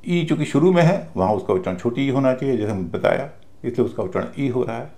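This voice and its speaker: A male teacher giving a pronunciation lesson, speaking slowly and deliberately and spelling out words letter by letter. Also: medium pitch, expressive, vocal fry, dark tone.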